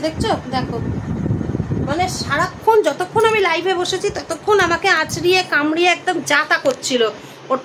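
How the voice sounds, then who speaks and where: A woman's voice: very high-pitched, a bit bright, a little hiss or hum. A middle-aged woman chatting casually to her viewers in a home vlog, filmed on a phone camera indoors, cooing at her pet now and then. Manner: chatty, addresses viewers as friends, coos at pet. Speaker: vlogger.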